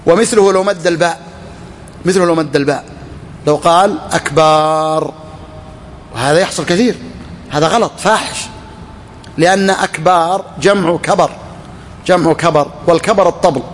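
A man teaching a lesson to students, reading a text slowly and then explaining it, often repeating his phrases. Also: sits high, a little hiss or hum. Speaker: sheikh teaching a book. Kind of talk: classroom lesson on Islamic law.

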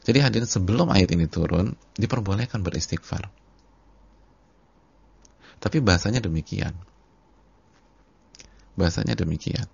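A man's voice: sits low, lively intonation, moderate pace, gravelly, pauses often, darkish tone, breathy edge, highs cut off. A male Islamic preacher giving a sermon, repeating phrases for emphasis and addressing the congregation directly. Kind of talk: sermon on a hadith book.

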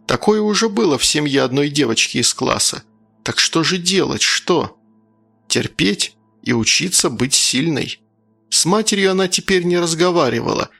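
A man reading a dark audiobook in a measured storytelling manner. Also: fairly high pitch, creaky. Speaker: audiobook narrator.

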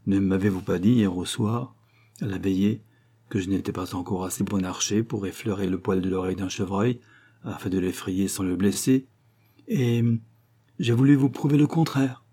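A man's voice: sits low, normal speed, warm tone, breathy edge. A man voicing a playful teenage archer who speaks to his father with eager, affectionate devotion. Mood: fervent, tender.

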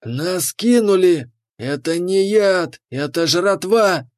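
Gruff male lizard mercenary, voiced by a male reader: hissing, drawn-out, raised voice. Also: a little high, voice pushed up. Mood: outraged. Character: scarred alien lizard arms buyer, male, gruff.

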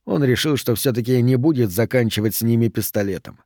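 Male audiobook narrator, measured even reading, dark mellow voice, dry close mic. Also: mid-range voice, no room sound. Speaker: audiobook reader.

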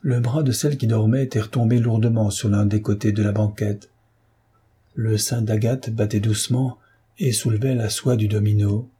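A man reading a historical novel aloud in a measured, even storytelling manner. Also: on the low side, breathy edge. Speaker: audiobook reader.

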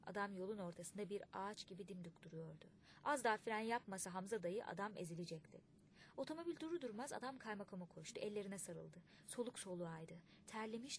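A woman reading a literary audiobook in a measured, expressive way. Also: medium pitch, slight background noise. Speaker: audiobook narrator.

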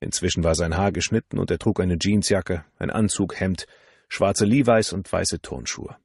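A man reading a novel aloud as an audiobook narrator, in a calm, measured way. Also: deep voice, gravelly, breathy edge, no echo, studio quality. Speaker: audiobook reader.

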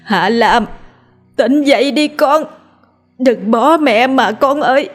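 A woman's voice: high-pitched, slow, soft background music, pitched above the performer's own voice. A woman voicing a grieving older mother who wails over her dead daughter. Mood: wailing grief. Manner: wailing, sobbing cries.

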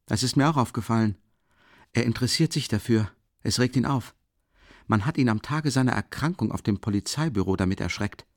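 A man voicing an earnest, excitable young male friend who talks quickly and anxiously. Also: mid-range voice, no room sound, studio quality, natural voice. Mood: agitated.

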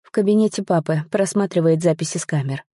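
A woman reading as a gentle middle-aged stepmother. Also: lowish voice, fast, dry recording, clean studio sound, lightly acted. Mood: caring. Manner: gentle, sympathetic.

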